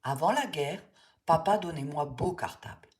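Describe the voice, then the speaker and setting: A woman voicing a quiet, sad young refugee boy in a cartoon, speaking in halting, short broken phrases. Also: sits low, expressive. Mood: sorrowful. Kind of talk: cartoon voice acting.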